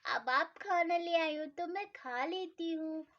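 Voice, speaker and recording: Lisping little girl, pleading and whiny, high thin voice, dull lo-fi sound, as a woman voices her. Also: a little slow, fairly bright tone. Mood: meek. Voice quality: childlike lisp. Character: little girl Sona, timid, pleading, easily scolded. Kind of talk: storybook doll-play acting.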